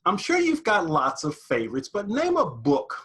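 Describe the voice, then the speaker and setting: A man hosting a podcast interview, upbeat and animated as he introduces his guest. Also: high voice, moderate pace, breathy edge. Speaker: podcast host.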